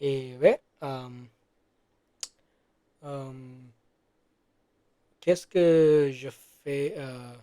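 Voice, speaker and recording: Slow, hesitant man, dry close sound. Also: mid-range voice, warm tone, no echo. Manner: hesitant, many fillers and self-corrections. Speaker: French learner. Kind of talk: casual spoken practice monologue.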